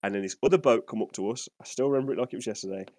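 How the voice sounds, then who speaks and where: A man's voice: fairly low pitch, rapid-fire, darkish tone, no room sound. A man co-hosting a gaming podcast, telling a story in a rambling, enthusiastic way. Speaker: podcast co-host. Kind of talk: casual storytelling chat.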